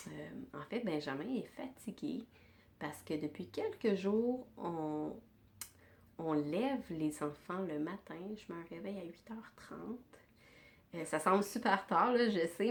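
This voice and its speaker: A woman in her thirties with a Québécois French accent, chatting informally in a casual family vlog. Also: deep voice. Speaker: vlogger and mother.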